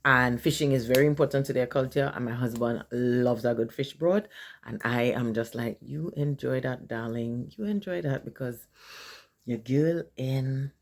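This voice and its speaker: A woman's voice: a bass voice, moderate pace, creaky. A woman in her forties with a Tobago accent, chatting casually to camera and often asking "right?". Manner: chatty, asks "right?" often, animated asides. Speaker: vlogger. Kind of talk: casual chat.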